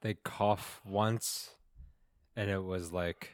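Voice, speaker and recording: Male co-host, lower-pitched, unhurried, halting casual chat, laid-back. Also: steady tone, no echo, studio quality. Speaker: podcast co-host.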